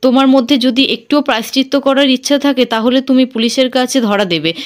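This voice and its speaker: A woman's voice: high voice, brisk, lightly acted. A woman reading the lines of an angry wife scolding her runaway husband, with little change from her own voice. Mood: stern. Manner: plain read-aloud dialogue, barely acted.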